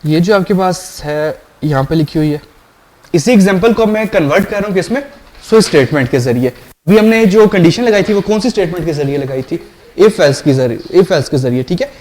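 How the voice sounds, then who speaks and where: High-voiced man teaching a programming class. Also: expressive, brisk, darkish tone. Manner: explains step by step, asks the class questions and checks understanding. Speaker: programming lecturer. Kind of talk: classroom lecture.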